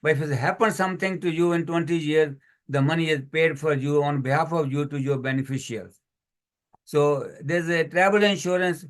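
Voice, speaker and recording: This man's voice sits on the high side, moving at a moderate pace. He is a financial educator presenting a community workshop about money on a video call, stringing together lists and examples in non-native English phrasing.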